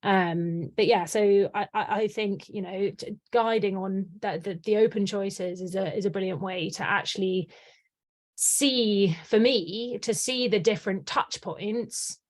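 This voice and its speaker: A woman's voice: medium pitch, unhurried. A woman working in communications, talking enthusiastically as an interview guest, with many "you know"s. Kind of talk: podcast interview.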